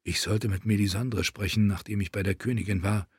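A man reading as a grim young commander, earnest and burdened, in a low voice. The sound is close and dry, like a storybook recording. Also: normal speed, slightly rough, no echo. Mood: grave.

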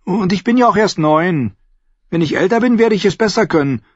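A man's voice: high voice, animated, a little fast, dry recording, voice pushed up. Man doing a whiny boy of nine. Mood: pleading. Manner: pleading, raised boyish voice. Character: whiny nine-year-old noble boy, eager and impatient. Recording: slightly dull dry recording.

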